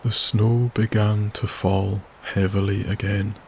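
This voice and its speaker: Under a steady hiss and wilderness ambience, a man with a low, nearly flat voice touched by vocal fry narrates a sleep story. His gentle, soothing delivery is very slow, and long pauses separate his phrases.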